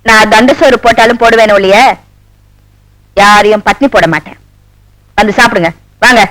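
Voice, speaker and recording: A woman's voice: mid-range voice, fairly even intonation, moderate pace, a bit bright, lightly acted, poor audio. An actress playing a stern motherly woman who scolds but feeds the young men. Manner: gruff, scolding. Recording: film soundtrack with music.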